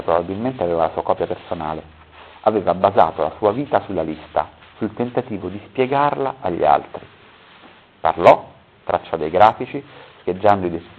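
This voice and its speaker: Man, reading a story aloud, deep husky voice, steady pace, corrects his own slips, tinny phone-like sound. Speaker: reader at a public talk.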